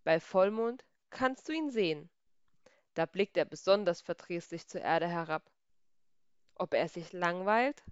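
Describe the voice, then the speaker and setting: A woman reading a children's story aloud, slow and expressive, with emphatic stresses. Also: lowish voice, clean tone, dry recording. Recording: slightly dull, dry recording.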